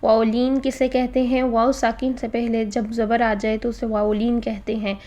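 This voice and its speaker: A woman's voice: fairly high pitch, flat delivery, mellow. A woman teaching Quran recitation in a recorded lesson, explaining patiently step by step and mixing in English words.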